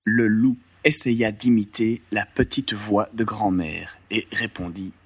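A man narrating a storybook in an expressive, dramatic way with a slightly husky voice. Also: fairly low pitch, slow, no room sound. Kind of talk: storybook reading.

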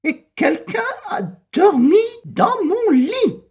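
Man putting on a shrill, loud mother bear. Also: very animated, slow, heavily acted. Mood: indignant.

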